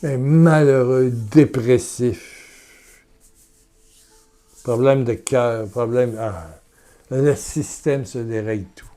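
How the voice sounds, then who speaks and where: A man with a Québécois French accent preaches a sermon and guides a prayer at a medium pitch, speaking extremely slowly and pausing often. He's earnest and repetitive, shifting between loud urging and soft murmurs.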